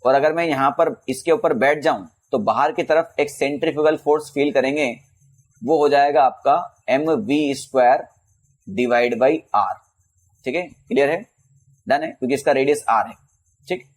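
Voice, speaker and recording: With a mid-range voice, a male physics teacher handles exam questions in a laid-back Hindi class. He calls students beta and bhaiya and reads out the English questions slowly.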